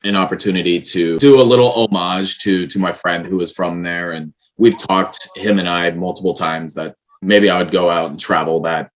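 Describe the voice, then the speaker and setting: A man's voice: low-pitched, steady tone, normal speed, hardly any pauses, rough recording. A man, a writer and director, explaining his film earnestly in a casual interview. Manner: earnest, explaining at length with restarts.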